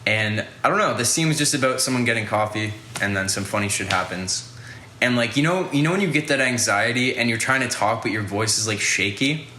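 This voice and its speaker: A man's voice: mid-range voice, a little fast, pushed and bright, roomy sound, slight background noise. A young man hosting a podcast, telling a casual story in a rambling way, full of fillers and swearing. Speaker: podcast host.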